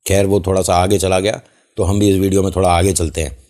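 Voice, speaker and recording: A man's voice: sits low, little pitch movement, quick pace, darkish tone. A man hosting a YouTube channel, telling a story in casual chat and acting out the voices of the people he quotes.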